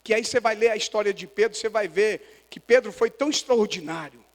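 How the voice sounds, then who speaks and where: A male pastor preaching a sermon, acting out dialogue between Jesus and Peter and rising to shouted emphatic peaks. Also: high-pitched, brisk, big-room sound, low-quality recording.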